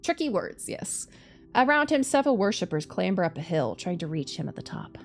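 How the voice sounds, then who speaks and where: A woman's voice: on the low side, big pitch swings, a little fast. A woman streamer narrating game text dramatically, sometimes stumbling over hard words and repeating them. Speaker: streamer reading a visual novel aloud. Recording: music behind the voice.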